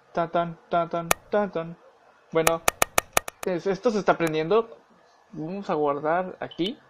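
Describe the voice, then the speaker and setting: Let's play host, male, high voice, jumpy and profane when scared. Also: slight background noise, poor audio. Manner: swears and yelps when startled. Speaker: gameplay commentator. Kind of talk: let's play commentary, reading game text aloud.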